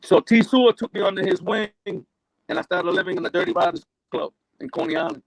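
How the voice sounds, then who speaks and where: Gravelly high-voiced man telling his story. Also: big pitch swings, brisk, no room sound, poor audio. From New York. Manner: rambling, profane, storytelling. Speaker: interview guest. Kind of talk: candid life story.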